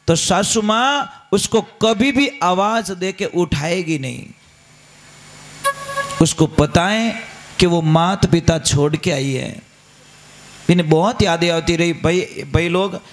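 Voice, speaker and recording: A man with a Rajasthani accent telling a moral story in a folksy devotional sermon, speaking straight to his listeners. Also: high-pitched. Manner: folksy, addresses listeners directly as "maharaj". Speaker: religious storyteller.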